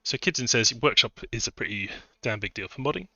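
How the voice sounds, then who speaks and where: A man's voice: medium pitch, expressive, a little fast, bright, forceful tone, no echo, muffled recording. A man chatting casually on a live stream, rambling through his points with fillers, a little out of breath. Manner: rambling, conversational, many fillers and restarts. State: a bit out of breath. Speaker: streamer and game modder.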